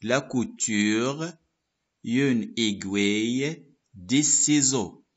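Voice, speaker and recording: Male teacher, Moroccan accent, husky voice, very slow, repeats each word and syllable, dull lo-fi sound. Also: mid-range voice. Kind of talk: French workbook lesson for children.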